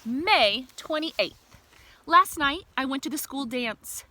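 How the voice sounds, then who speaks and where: Outdoors in a communal space beside a river, a woman reads a children's picture book aloud like a teacher, tossing in chatty asides and questions for young listeners. Her high voice is animated, bright and forceful, and her pace is slow. The outdoor recording is noisy.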